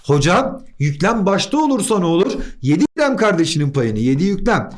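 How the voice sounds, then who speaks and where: A male teacher with a high, bouncing voice runs a grammar lesson. He asks a question and answers it himself in quick steps, then slips in joking asides between points. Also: big pitch swings. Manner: playful asides. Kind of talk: exam-prep grammar lesson.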